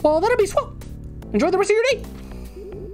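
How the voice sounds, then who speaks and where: A woman's voice: very high voice, lively intonation, normal speed, darkish tone, soft background music, voice pushed up. Woman doing a chirpy, folksy passerby. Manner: sugary, chirpy friendliness. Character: overly cheerful passerby, folksy and friendly.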